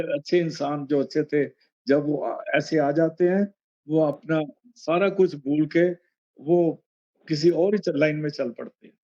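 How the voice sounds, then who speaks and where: A man's voice: fairly high pitch, mellow. Older Punjabi man explaining sacred verses. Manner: explains word by word, repeats warnings, slows to recite verses. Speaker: satsang speaker explaining verses. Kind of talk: spoken sermon commentary. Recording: dull lo-fi recording.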